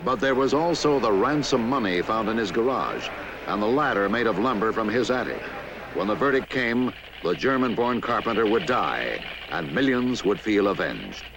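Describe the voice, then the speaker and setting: A man narrating a scripted historical newsreel documentary in a measured, authoritative way. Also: lowish voice, lively intonation, background noise. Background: background music.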